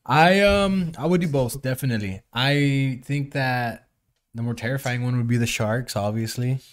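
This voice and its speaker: A man's voice: medium pitch, a little fast. A young man in casual conversation as a podcast co-host, recorded at a table microphone in a small studio. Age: young adult. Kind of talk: casual chat. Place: small indoor studio with padded walls.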